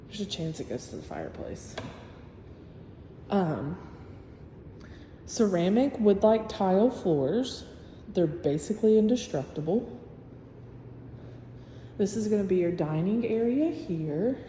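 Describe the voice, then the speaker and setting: A woman's voice: medium pitch, lively intonation, slow, pauses often, warm tone. Chatty woman in echoey empty house. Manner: chatty, matter-of-fact, points things out room by room. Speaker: real estate agent. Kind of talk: casual home-tour walkthrough. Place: empty new-built house, indoors. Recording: echoey empty rooms with long reverb, faint hum.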